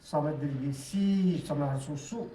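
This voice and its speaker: Man, teacher, measured syllable-by-syllable chant, voice a bit high, roomy and distant sound. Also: dark tone, a little hiss or hum. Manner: deliberate, chanting syllables one by one. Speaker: Hindi teacher. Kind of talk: slow recited grammar lesson. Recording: echoey room, mic at a distance.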